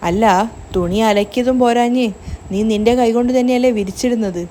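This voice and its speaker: Woman reading a tactless middle-aged uncle, grumbling, blunt, fairly high voice, storytelling recap. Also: a little fast, dark tone, a little hiss or hum, natural voice.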